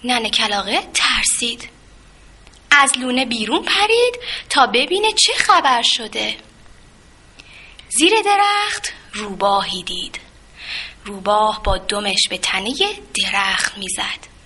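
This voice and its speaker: Woman, children's story narrator, gentle, expressive, bright tone. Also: on the high side, slightly rough. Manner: gentle, expressive, with sound effects.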